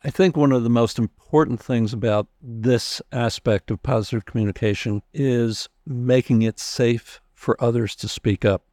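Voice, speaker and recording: Deliberate male interview host, dry close sound. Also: mid-range voice, steady tone, darkish tone, no room sound. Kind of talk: conversational interviewing.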